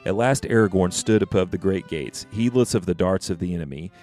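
Deep-voiced man co-hosting a podcast. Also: brisk, soft background music. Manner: relaxed, rambling, with restarts. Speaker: podcast co-host. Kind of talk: casual podcast chat and book reading.

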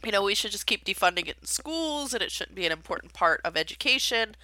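A woman's voice: medium pitch, lively intonation, fast talker, sharp tone, no echo. A woman hosting a podcast, an amateur pianist talking casually about her practice and a composer's life, with many fillers and rambling asides. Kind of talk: casual solo chat.

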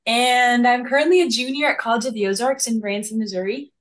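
A woman's voice: on the high side, brisk. A woman in her twenties who grew up in El Salvador, a podcast guest telling stories in a bubbly, giggly way. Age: 20s. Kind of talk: casual storytelling.

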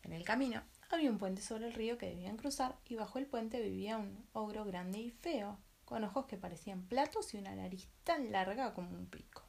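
A woman tells a folk tale as a bedtime story in a gentle, expressive way. Her voice has a gravelly texture. It sits in a middle pitch.

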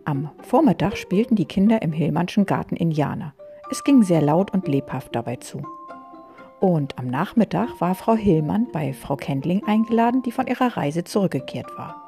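A woman teacher reading a children's story aloud to her class in a calm voice. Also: lowish voice, moderate pace, faint music behind.

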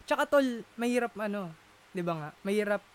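A man's voice: sits high, lively intonation, a little fast, clean tone. A man in a casual chat, searching for words and mixing English into his talk. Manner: searching for words, many fillers, Taglish code-switching. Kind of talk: casual conversation.

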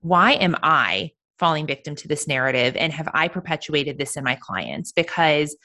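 A woman's voice: deep voice, animated, moderate pace, pushed and bright. A woman coach talking earnestly and emphatically in a podcast interview. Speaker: sobriety coach.

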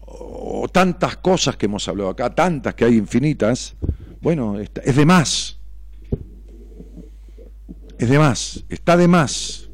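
A man's voice: medium pitch, lively intonation, measured pace, pauses often. A man with an Argentine accent, a therapist hosting a radio talk show, who talks in a heated way, fires rhetorical questions and swears freely. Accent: Argentine Spanish.

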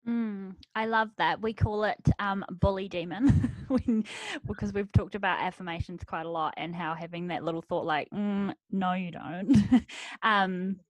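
A woman's voice: medium pitch, fairly even intonation, moderate pace, no room sound. Chatty, giggly woman podcast host. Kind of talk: casual interview chat.

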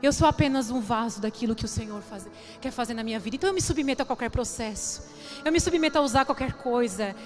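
A woman's voice: on the high side, fast. A woman pastor with a Brazilian Portuguese accent preaching at a women's church gathering, emotional and conversational, asking the audience questions. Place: church hall. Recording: echoey church hall with music.

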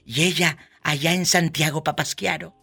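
A man's voice: fairly high pitch, steady tone, normal speed, creaky, bright, forceful tone, slightly rough, faint music behind. A man with a Mexican accent hosting a comedy podcast, flamboyant, teasing and gossipy. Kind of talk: comedic radio-style hosting.

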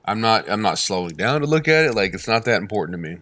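A man co-hosting a podcast, chatting casually and telling stories with emphatic, animated rants. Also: on the low side, fast, no echo. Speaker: podcast co-host. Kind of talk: casual chat.

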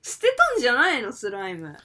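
A woman's voice: fairly high pitch, wildly swooping pitch, fast, pushed and bright. A woman co-hosting a casual radio-style podcast, reacting with teasing jokes. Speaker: podcast co-host judging segments.

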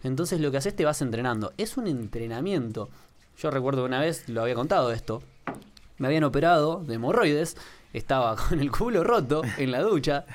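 A man with an Argentine accent, a podcast co-host who tells stories in casual conversation and swears freely. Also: on the high side. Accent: Argentine Spanish. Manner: animated storyteller, swears casually.

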